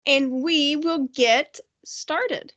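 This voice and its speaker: A woman's voice: high voice, extremely slow, a bit bright. A woman art teacher giving a recorded online lesson, upbeat and speaking directly to young students with questions. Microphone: computer mic, screen-shared lesson.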